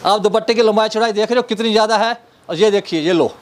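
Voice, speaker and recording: A man selling wholesale goods in an eager, insistent teleshopping-style pitch, repeating his offers like a showman. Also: fast talker. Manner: insistent, repetitive showman-like patter. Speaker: wholesale clothing seller. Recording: clear background noise.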